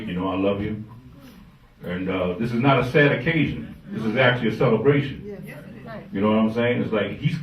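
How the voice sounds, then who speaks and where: A man, a musician, speaks at a funeral in a loose, joking way and gets the mourners to answer him. His voice is heard from far off in a roomy hall. The sound is dull and muffled. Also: lowish voice. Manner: loose, joking, leads the crowd in call and response. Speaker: musician giving a eulogy. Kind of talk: funeral tribute speech.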